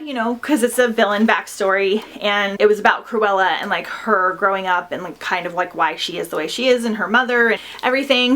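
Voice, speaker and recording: A woman's voice: fairly high pitch, a bit bright. A woman giving a chatty, gushing book review in a casual vlog style, enthusiastic and informal, often saying "like". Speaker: book vlogger.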